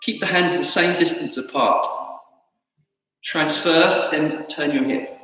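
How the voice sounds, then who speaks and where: A man teaching tai chi, giving calm, unhurried step-by-step instructions in short phrases. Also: fairly high pitch. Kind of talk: instructional movement cues. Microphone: camera at a distance. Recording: very echoey hall, distant mic, faint music.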